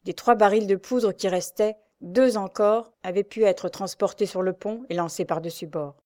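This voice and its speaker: A woman narrating an adventure novel aloud in a steady, dramatic storytelling voice. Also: medium pitch, moderate pace. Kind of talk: audiobook reading of an adventure novel.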